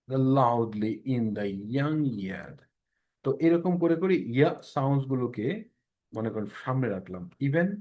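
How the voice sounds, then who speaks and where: A man's voice: medium pitch, darkish tone. A man teaching English pronunciation in an online class, explaining step by step and checking that students follow. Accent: Bangladeshi Bengali.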